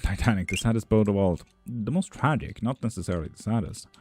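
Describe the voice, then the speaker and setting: Here a young tarot-reading witchcraft streamer reads out viewer comments in a casual, joking livestream, swearing plenty along the way. His husky, darkish voice sits on the low side and moves quickly, over soft background music.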